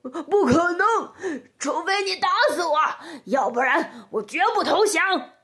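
A woman's voice: very high-pitched, lively intonation, unhurried, pitched above the performer's own voice, heavily acted. A woman voicing a stubborn, proud male wolf who refuses to give in, in a children's storybook reading. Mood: defiant. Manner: loud, defiant.

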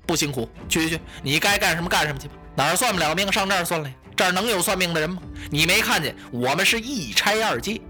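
A man's voice: high-pitched, animated, fast, hardly any pauses, bright, forceful tone, soft background music, exaggerated voice. A man voicing blustering, threatening male constables in a told story. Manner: rude, blustering.

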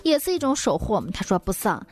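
A woman's voice: mid-range voice, wildly swooping pitch, quick pace, darkish tone, slightly rough. A woman host telling comic stories in a folksy, exclamatory monologue.

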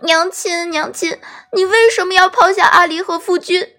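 A woman's voice: high-pitched, expressive, measured pace, a bit bright, faint music behind, pitched above the performer's own voice, full character voice. A woman doing a little boy's whiny voice. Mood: wailing. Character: small boy immortal, clingy, tearful.

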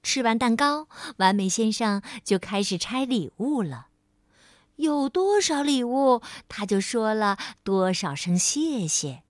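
A woman reads a children's story, speaking tenderly to the young listener. Her voice sits fairly high and moves animatedly, taken at a slow, gentle pace. The close recording is dry. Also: no room sound. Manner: warmly addressing the child, expressive. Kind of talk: bedtime story and poem reading for children.

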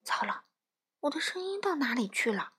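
A woman voicing a timid young frog who has lost his voice, speaking softly and with worry. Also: high voice, big pitch swings, normal speed, pitched above the performer's own voice. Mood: frightened. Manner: soft and worried.

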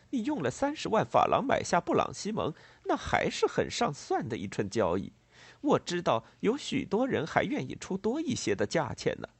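A man's voice: a little high, gravelly, breathy edge, no echo, voice pushed up, heavily acted. A man voicing a naive, blunt country woman who speaks earnestly.

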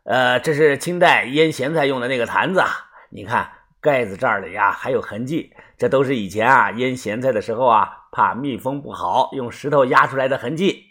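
A man's voice: medium pitch, a little fast, hardly any pauses, sharp tone, pitched below the performer's own voice. A man voicing a pushy, chain-smoking junk dealer in his thirties, haggling dismissively in a storybook reading.

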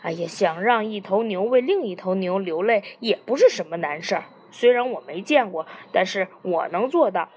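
A cheeky, wisecracking man, as a woman reader puts him on in an audiobook. He teases and spins folksy tall tales in a slightly lower, husky voice that stays at an ordinary pitch overall. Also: lively intonation, normal speed, few pauses. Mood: teasing. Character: joking, cheeky middle-aged man in therapy. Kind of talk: audiobook character reading.

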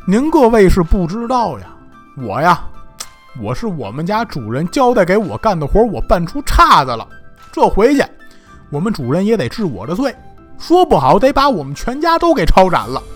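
A man's voice: high-pitched, wildly swooping pitch, normal speed, fairly bright tone, faint music behind, full character voice. A male storyteller voicing a distraught, indignant man who scolds the people who cut him down from a noose. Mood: apologetic. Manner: scolding, rambling, exasperated. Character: distraught man at a hanging tree, indignant and long-winded.

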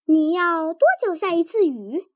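A woman's voice: very high voice, animated, unhurried, no echo. A woman voicing a blunt, playful young husband in a storybook reading.

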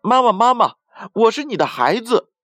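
Man doing a shrill little storybook rabbit. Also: sing-song, takes it slowly, no echo, studio quality, faint music behind, full character voice. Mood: pleading. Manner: high-pitched, urgent and loud.

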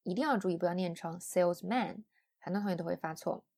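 A woman's voice: fairly low pitch, rapid-fire, darkish tone. A woman teaching English pronunciation in an audio lesson, explaining patiently.

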